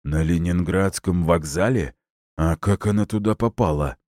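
A man voicing a drunk, foul-mouthed, hot-tempered middle-aged man who shouts and drags out his words. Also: low voice, no room sound, studio quality, close to an everyday voice. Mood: furious, drunk. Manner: shouting, coarse, drawn-out words.

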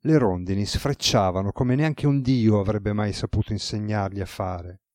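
A man reads a novel aloud at a measured pace. His voice is low and mellow. The recording is close and dry. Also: no echo. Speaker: audiobook narrator. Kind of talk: scripted narration.

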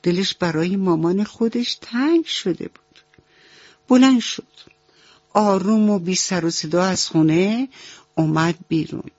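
A woman storyteller narrating a children's bedtime story on the radio, gentle and motherly, speaking straight to the children. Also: on the low side, dry recording. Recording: slightly dull radio recording.

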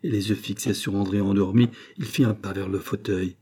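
A man narrating a classic novel in a measured, steady reading. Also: fairly low pitch, husky. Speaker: audiobook narrator. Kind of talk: scripted literary narration.

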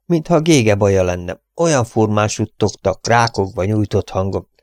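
A man reading an adventure novel aloud as an audiobook narrator, in a measured, dramatic storytelling manner. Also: fairly low pitch, expressive, darkish tone, no echo. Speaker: audiobook reader. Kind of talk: scripted narration.

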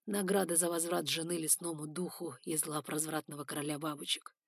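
A woman's voice: deep voice, fairly even intonation, fairly quick, husky, dry recording. Woman voicing an anxious male fox.

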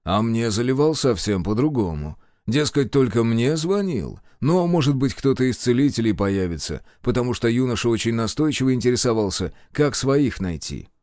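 A man's voice: mid-range voice, sing-song, normal speed, few pauses, a little mellow, no echo, clean studio sound, close to an everyday voice. A man playing a silky, cold secret-service colonel. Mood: mocking. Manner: falsely courteous, with an icy edge. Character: smooth-talking middle-aged male secret-service colonel.

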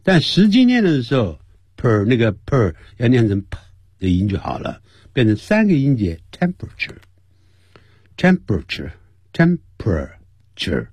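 A man teaching English on a radio lesson, explaining grammar and repeating pronunciations slowly, word by word. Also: breathy edge, no room sound. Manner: lively, swooping pitch. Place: radio studio.

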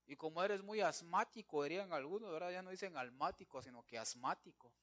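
A male preacher, his voice sitting a little high. He delivers an evangelical sermon emphatically, calling out to his listeners as brother and swinging from loud declarations to hushed asides. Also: quick pace.

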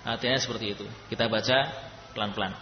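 A man teaching a class to read Arabic letters, who sounds them out loud and explains them patiently. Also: mid-range voice, very noisy. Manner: patient, demonstrates letters loudly and slowly. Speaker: Quran reading teacher. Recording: echoey hall, dull lo-fi sound.

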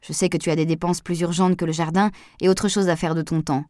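A woman doing a brisk, offhand older father. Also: lowish voice, little pitch movement, a little mellow, no echo, studio quality, close to an everyday voice. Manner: offhand, hurried, fond.

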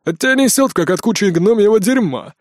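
A good-natured male orc boss, as a male narrator puts him on, blunt and a little coarse in an easygoing, friendly way. His voice sits fairly high for a man, with a dry, close sound. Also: expressive, brisk, dry recording.

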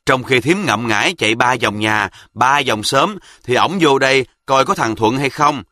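A man voicing a clever, bossy boy from the south who speaks quickly and confidently with a Southern Vietnamese accent. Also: mid-range voice, expressive, bright, forceful tone, no echo, studio quality. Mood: scheming. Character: sharp, know-it-all southern boy, ringleader.

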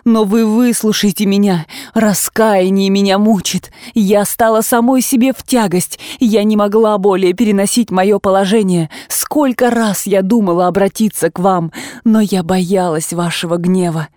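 A woman reader voicing a remorseful young wife who pleads slowly and tearfully with her husband, rising into high cries. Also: steady tone, dark tone, no room sound, clean studio sound, natural voice. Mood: pleading. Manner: imploring, slow, breaking into high tearful cries.

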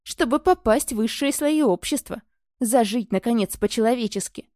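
Audiobook scene: a resentful young woman, pleading, then bitter and accusing, voiced by a female reader, dark and mellow, dry sound. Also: a little high, lively intonation, normal speed, no room sound, lightly acted. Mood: smirking. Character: desperate, spiteful young woman, former friend.

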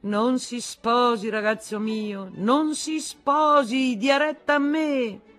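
A man's voice: takes it slowly, breathy edge, faint music behind. A woman reading an audiobook, voicing a blustering husband who is caught lying and covers it with forced cheer. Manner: agitated, evasive, bursts of pitch.

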